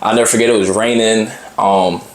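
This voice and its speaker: A man's voice: lowish voice, brisk, roomy sound, poor audio. A young man from Boston, a college basketball player, chatting loosely with lots of slang and fillers as an interview guest. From Boston, Massachusetts. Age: young adult. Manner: relaxed, loose slangy talk with many fillers. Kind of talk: casual interview chat.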